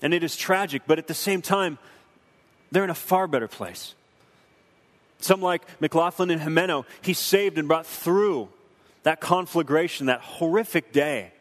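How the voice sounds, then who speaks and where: Man, young adult, earnest preacherly film commentary, slightly raised pitch, echoing hall. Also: a little slow. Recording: long hall reverb.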